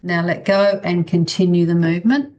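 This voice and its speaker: Lower-voiced woman leading a gentle exercise class. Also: steady tone, normal speed, highs cut off. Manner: encouraging, checking on participants. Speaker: workshop instructor in bodywork. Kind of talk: guided exercise instruction, informal and conversational. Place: online video-call class.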